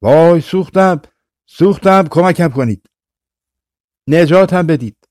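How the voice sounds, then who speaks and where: A man voicing a shrill panicky kettle-badger. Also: no room sound, studio quality, natural voice. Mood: panicked. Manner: shrill frantic cries. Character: magic kettle turned panicky badger creature.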